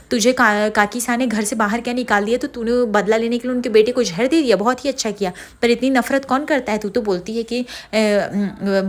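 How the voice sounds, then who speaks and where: A woman's voice: a little high, natural voice. A woman voicing a scheming man who blames others and fakes remorse, in her own voice. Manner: accusing, then falsely apologetic. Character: scheming young man blaming others, feigning grief.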